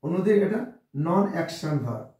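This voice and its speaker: A man with a Bengali accent teaching an English grammar lesson slowly and deliberately, spelling sentences out word by word and addressing dear viewers again and again. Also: high-pitched, big pitch swings, mellow, roomy sound, recorded from a distance. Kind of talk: slow classroom-style grammar lesson.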